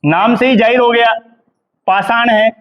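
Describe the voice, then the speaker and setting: A middle-aged Indian man, a history professor, lectures a class in a very high voice that stays steady at a moderate pace, and the audio sounds dull. He poses questions to the students and answers them himself, calls them "beta," and keeps tacking "hai na" onto his sentences.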